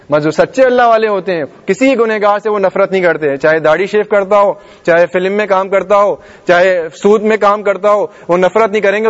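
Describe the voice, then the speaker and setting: Male preacher, high voice, earnest exhorting sermon, muffled recording in a reverberant mosque hall. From Pakistan. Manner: earnest, exhorting, with short laughs. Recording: dull sound, long reverb.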